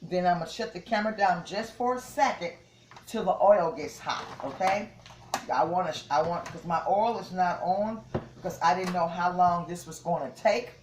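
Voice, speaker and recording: A home cook, a woman, talking to her viewers in a relaxed, chatty way while she works. Her voice sits a little low for a woman. The kitchen sounds roomy and echoey, with a faint hiss behind her. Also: normal speed. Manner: chatty, repeats "yes, yes" and "okay?" to viewers. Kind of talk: casual cooking demonstration.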